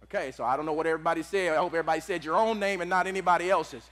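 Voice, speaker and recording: A pastor preaching to a live church congregation. He is casual and energetic, and he uses slang and repeats his phrases. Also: fairly high pitch, rapid-fire.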